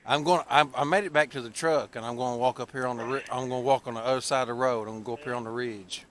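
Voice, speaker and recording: Out in the woods, a man hosts a vlog in a mid-range, slightly bright voice with fairly even intonation, talking rapid-fire. His explanations to camera are casual, folksy and hesitant, captured on noisy outdoor camera audio.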